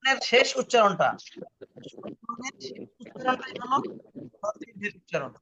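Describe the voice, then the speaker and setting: A man's voice: very high-pitched, lively intonation, moderate pace, bright, forceful tone, slight background noise. A man teaching a spoken language lesson, patiently explaining rules and repeating them for his student. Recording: muffled lo-fi online recording.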